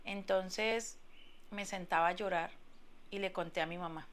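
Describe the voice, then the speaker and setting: Una mujer con acento colombiano que cuenta en primera persona su propia historia, con tono arrepentido y enfático. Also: female voice, on the low side, steady tone, a little slow, fairly bright tone. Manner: regretful, emphatic, acts out quoted people. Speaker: woman telling her own story. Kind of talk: confessional first-person testimony.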